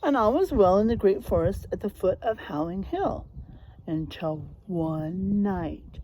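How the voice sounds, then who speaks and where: This is a woman reading a children's picture book out loud, unhurried and mid-pitched, in an expressive teacherly style that leans on story words and pauses for prompting questions. The recording is rough, with a slight hiss or hum.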